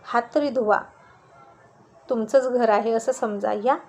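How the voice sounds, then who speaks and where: A woman's voice: fairly high pitch, fairly even intonation, a little slow. Woman playing a kind welcoming mother. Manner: warm, hospitable. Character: kind middle-aged mother, welcoming host.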